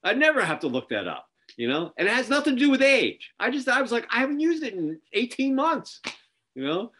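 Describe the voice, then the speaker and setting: A middle-aged interview host with an extremely high, very animated voice speaks briskly in a bright, forceful tone, telling stories full of fillers and restarts. The casual interview happens over a video call on his webcam, from an indoor office with a printed backdrop.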